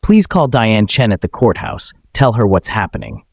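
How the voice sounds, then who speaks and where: A man voicing a middle-aged male judge who stays controlled and measured while being arrested. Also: lowish voice, very animated, vocal fry, breathy edge, dry recording, heavily acted. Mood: strained.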